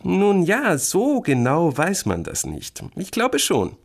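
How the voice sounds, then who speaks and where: A man voicing a cheeky, teasing older sister in a children's story, lively and raised. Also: medium pitch, moderate pace, creaky, pitched above the performer's own voice, heavily acted.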